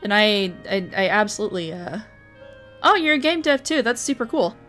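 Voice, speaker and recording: A woman's voice: medium pitch, expressive, normal speed, fairly bright tone, faint music behind. A young woman hosting a casual livestream while playing a game, chatty and upbeat, with lots of fillers and affirmations. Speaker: livestream host.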